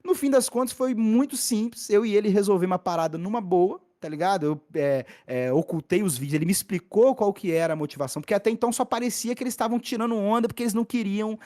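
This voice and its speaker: A young adult man, a podcast guest, telling a story in a casual, slangy, animated way with many restarts. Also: high voice, fast talker, hardly any pauses. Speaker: podcast guest, gaming content creator.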